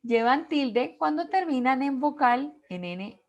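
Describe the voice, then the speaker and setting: A woman's voice: high-pitched, animated, lo-fi sound. A woman teacher giving an online class over a video call, explaining rules step by step and reading out lists of words one by one. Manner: slow, deliberate, reads out word lists.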